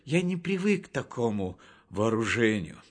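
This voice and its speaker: A man's voice: medium pitch, sing-song, normal speed. A man voicing a young, earnest shepherd hero in a storybook reading, speaking with resolve.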